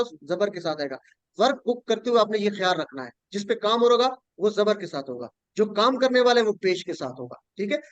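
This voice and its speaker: A man's voice: sits high, fairly bright tone, no echo, muffled recording. A man teaching an online class, patiently drilling word patterns with his students.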